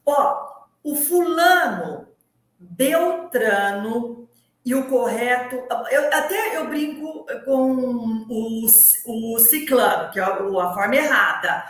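A high-pitched Brazilian woman explains grammar points with emphatic, teacherly insistence, stopping and restarting her sentences. Her voice bounces around a strongly echoing studio. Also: animated, takes it slowly, a bit bright. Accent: Brazilian Portuguese. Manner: didactic, emphatic, laughs often, many restarts. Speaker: Portuguese language teacher hosting a talk show. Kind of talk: explanatory talk-show chat.

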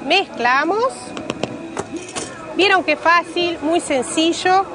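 A woman's voice: very high-pitched, takes it slowly. A woman in her forties with a Rioplatense Spanish accent, giving a live cooking demonstration step by step at an outdoor fair stand, repeating key words as she goes. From Uruguay. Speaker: pastry cook. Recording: music playing behind, outdoors.

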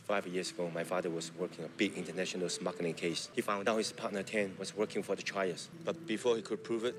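A man's voice: deep voice, little pitch movement, fast, noisy background, lightly acted. An actor playing a serious, earnest male cop, speaking in plain, clipped phrases. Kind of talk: film dialogue.

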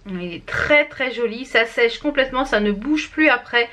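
A woman's voice: fairly high pitch, moderate pace, sharp tone. A woman from France chatting casually through a makeup product review, with many fillers and restarts. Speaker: beauty vlogger.

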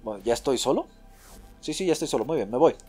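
Excitable man commentating his gameplay. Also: medium pitch, fast talker, husky, faint music behind. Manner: excitable, repeats short phrases in bursts; chatty, addresses viewers as a group. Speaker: gaming video host. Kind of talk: let's play commentary.

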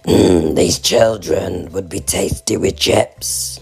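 A woman voicing a greedy, gleeful male troll in a deep growl for a read-aloud picture book. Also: slow, gravelly, heavily acted. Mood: greedy relish. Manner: gloating, relishing every word. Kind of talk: storybook reading. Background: soft music.

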